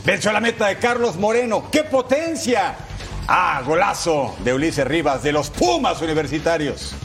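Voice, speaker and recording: A man presenting sports highlights with energetic, emphatic commentary. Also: moderate pace. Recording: music underneath.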